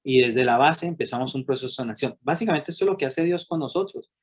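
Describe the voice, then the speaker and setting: Man, psychologist, workshop teaching, animated, rhetorical questions, average pitch. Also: quick pace, slightly rough. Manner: acts out quoted people with raised voice.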